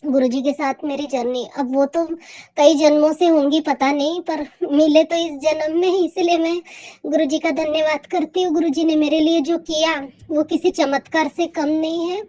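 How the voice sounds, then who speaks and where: Woman, high voice, heartfelt devotional testimony, keeps repeating thanks. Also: steady tone, normal speed, dark tone. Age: adult.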